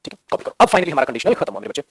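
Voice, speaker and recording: A man's voice: fairly high pitch, very animated, very fast, breathy edge, no echo. A middle-aged man teaching English grammar to a live class with a Hindi accent, repeating points and calling the students "beta".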